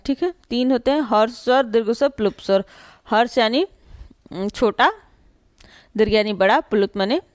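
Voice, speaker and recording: A woman's voice: a little high, darkish tone, dry recording, clean studio sound. A woman teaching a grammar lesson, explaining step by step, checking in often with "ठीक है" and drawing out sounds to demonstrate pronunciation. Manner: explains slowly with many fillers and repeated "ठीक है" checks. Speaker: Hindi teacher.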